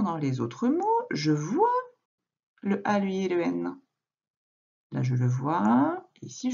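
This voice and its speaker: A woman teacher recording a reading lesson for a young child at home, speaking slowly and patiently, addressing the child directly. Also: on the low side, gravelly, warm tone, husky, muffled recording. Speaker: primary school teacher.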